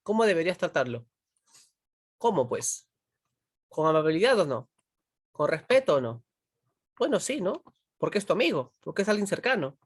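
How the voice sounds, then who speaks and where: Low-voiced woman teaching. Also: very animated, normal speed, long pauses, husky, dry recording, clean studio sound. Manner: constantly checks in with students, asks rhetorical questions and pushes them to answer. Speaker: philosophy teacher. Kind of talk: online pre-university class.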